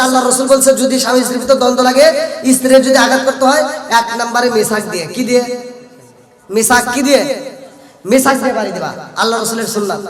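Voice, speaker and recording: A man from Bangladesh preaching a waz sermon. He chants in a sing-song way, rises to shouts and jokes with his listeners. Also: extremely high pitch. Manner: jokey, calls out questions to listeners. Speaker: Islamic preacher. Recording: echoey hall sound from far off the mic.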